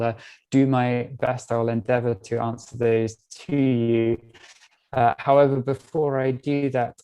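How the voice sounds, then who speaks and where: A British man speaks at a middle pitch with a mellow, dark tone, guiding listeners through a live online art tour. He talks in a relaxed way, pausing often with small fillers as he explains each piece. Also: smooth. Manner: relaxed, frequent filler pauses. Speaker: tour guide.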